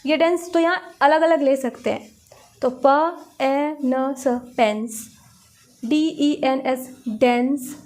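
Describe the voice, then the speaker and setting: A woman's voice: high voice, takes it slowly, darkish tone. A woman with an Indian accent teaching phonics to young children in Hindi-mixed English, sounding out letters one at a time.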